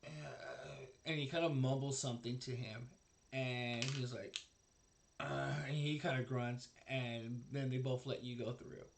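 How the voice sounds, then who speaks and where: A man narrating as game master in a tabletop game, halting with many fillers. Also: medium pitch, steady tone, slight background noise.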